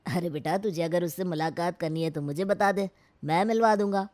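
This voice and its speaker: A woman's voice: fairly low pitch, fairly quick, no echo, natural voice. Brief: woman voicing a reassuring storybook uncle, fatherly, dry studio sound. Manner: gentle, fatherly. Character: kindly middle-aged uncle, reassuring. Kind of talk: storybook voice acting.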